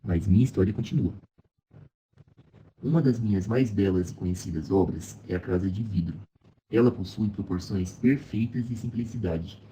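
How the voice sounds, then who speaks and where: Young man doing a reflective modernist architect, very dark mellow tone, lowish voice, brazilian portuguese accent, measured reading. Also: a little hiss or hum, natural voice, rough recording. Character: celebrated male American modernist architect, reflective. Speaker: architecture student. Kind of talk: scripted first-person narration for a class project.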